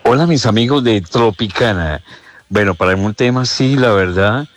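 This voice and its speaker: A man leaving a formal, deliberate voice note as a radio listener. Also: on the low side.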